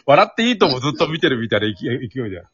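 A man hosting a casual talk show, teasing his guest in quick banter. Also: medium pitch, slightly rough, highs cut off. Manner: fast, teasing, animated. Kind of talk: casual chat.

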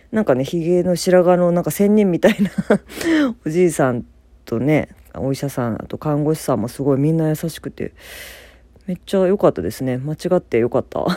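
A young woman from Fukuoka talks on her own in a relaxed, chatty way, laughing often and poking fun at herself. Her voice sits low for a woman but swings widely in pitch, with a dark, mellow tone. The sound is dry and close, with no room echo. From Fukuoka, Japan. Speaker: podcast host. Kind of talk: casual solo talk.

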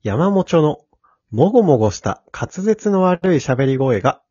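A man's voice: a little high, big pitch swings, measured pace, mellow, breathy edge, no echo. A man hosting a casual podcast, reading listener letters aloud and laughing easily. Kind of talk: casual chat. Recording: dull lo-fi dry recording.

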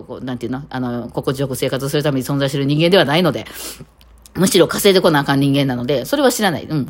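A woman with a Kitakawachi Kansai accent, hosting a casual solo chat in a rambling way full of fillers. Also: sits low. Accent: Kansai, Kitakawachi dialect. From Kitakawachi area of Osaka, Japan. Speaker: podcast host.

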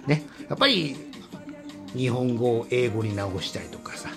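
A man's voice: mid-range voice, normal speed, gravelly. A man with a Kansai accent hosting a casual talk radio show, chatty and prone to going off on tangents, with music playing behind him. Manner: chatty, animated, drifts off topic. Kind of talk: casual chat.

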